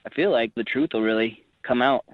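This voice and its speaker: A man's voice: mid-range voice, brisk, crowd noise. Young man calling in by phone. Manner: easygoing, a bit sheepish. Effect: heard over the phone. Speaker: caller on a radio show. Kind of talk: casual phone conversation. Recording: dull phone line.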